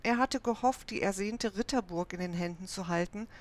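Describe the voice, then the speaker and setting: A woman reading a children's story aloud in a calm, even manner. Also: mid-range voice, normal speed. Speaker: narrator.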